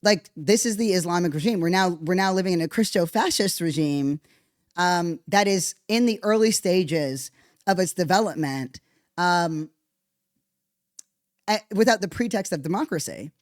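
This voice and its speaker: A podcast host talking casually and bluntly, reacting to a played clip with frequent swearing. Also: female voice, lowish voice, normal speed, no room sound, studio quality. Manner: blunt, profane, animated. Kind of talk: casual commentary on played clips.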